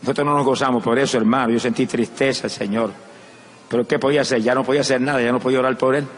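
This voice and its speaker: A man with a Puerto Rican Spanish accent preaching an evangelistic sermon with fervor, moving from hushed sorrow to rising exclamations. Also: mid-range voice, fairly even intonation, racing, in a large hall.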